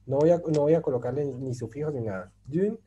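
Patient man teaching grammar, dark voice. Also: a little high, fairly quick, lo-fi sound, slight background noise. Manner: patient, explains step by step, often asks "¿cierto?". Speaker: Turkish teacher. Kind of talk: online group lesson.

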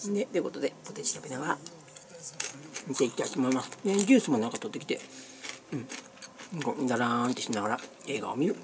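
A middle-aged vlogger with a Kansai Japanese accent, chatting casually about snacks in a small room and sometimes trailing off softly. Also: mid-range voice, rapid-fire, long pauses. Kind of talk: casual snack-review vlog chat. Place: small cluttered room indoors. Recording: clearly noisy room recording with clicks.

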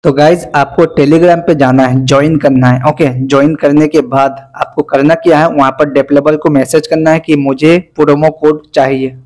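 A man narrates a phone app tutorial in a slightly high, monotone voice. He moves slowly and deliberately through each step, his energy low from fasting, repeating the instructions as he goes. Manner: instructive, repetitive step-by-step guidance. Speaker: app reviewer. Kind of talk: screen-recorded app tutorial.

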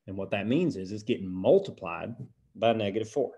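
Man putting on a country-accented math teacher, folksy, patient, drawn-out, lowish voice. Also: animated, gravelly, mellow. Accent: put-on American country. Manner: folksy, drawn-out, checks in with "right?". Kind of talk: lesson video.

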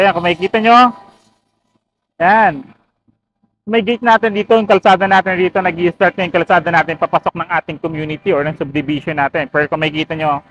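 The recording is rough, capturing a high, somewhat bright male voice. He's a Filipino real estate agent in his thirties who hosts a channel, walking through a sunny, open construction site with a lapel mic and chatting in upbeat sales patter full of fillers.

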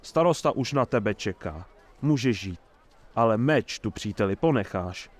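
A man's voice: fairly low pitch, lively intonation. A man doing a smug menacing swordsman. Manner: mocking, smug and threatening.

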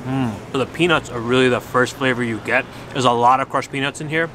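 A man's voice: mid-range voice, fairly even intonation, brisk, background noise. A man hosting a food tour, chewing while he talks and tasting and describing food with enthusiasm. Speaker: food vlogger. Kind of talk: casual food tour commentary.

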